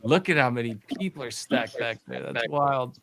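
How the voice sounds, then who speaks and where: A man's voice: medium pitch, expressive, normal speed, bright, forceful tone, a little hiss or hum. A man hosting a live stream, chatting casually and laughing at himself. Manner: laid-back, self-mocking, laughs often. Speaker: stream host.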